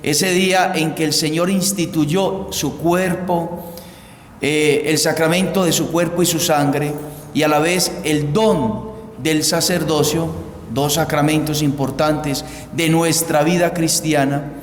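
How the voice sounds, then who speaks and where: A male priest delivers Scripture and homily in a solemn, deliberate way. His voice sits a little high and moves slowly. It rings with the long echo of a large church. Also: steady tone. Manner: solemn, measured, deliberate phrasing. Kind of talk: liturgical Gospel reading and homily. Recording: echoey church, long reverb, faint noise.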